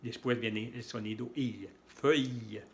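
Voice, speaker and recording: A man who is not a native Spanish speaker teaching French pronunciation in Spanish, slowly repeating each word to model the sounds. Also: mid-range voice, a bit bright. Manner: slow, careful, repeats words to model sounds. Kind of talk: slow explanatory lesson with examples.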